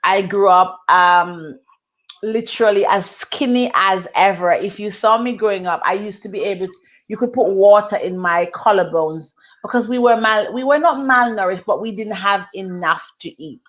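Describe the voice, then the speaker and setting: A Jamaican woman in her thirties, interviewed as a guest, earnestly recounts her life story with emphasis, often repeating phrases for effect. Her mid-range voice moves at a moderate pace with a fairly bright tone, though the audio is dull.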